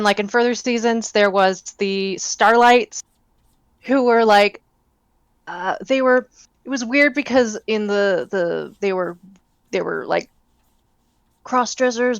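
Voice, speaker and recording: Young woman, podcast co-host, rambling and excited, dry sound. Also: medium pitch, no echo. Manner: rambling, enthusiastic, many fillers. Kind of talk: casual chat.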